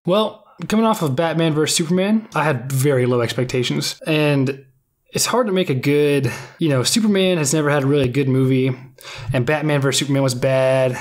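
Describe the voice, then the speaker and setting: A man's voice: medium pitch, a little fast. An American man chatting casually as a podcast panelist. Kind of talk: casual chat.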